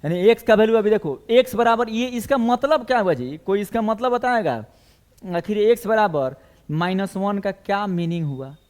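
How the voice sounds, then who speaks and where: A man with a high voice teaches a math class in a classroom. He works through each equation step by step and keeps putting questions to his students. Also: animated, moderate pace, darkish tone. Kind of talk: classroom lecture.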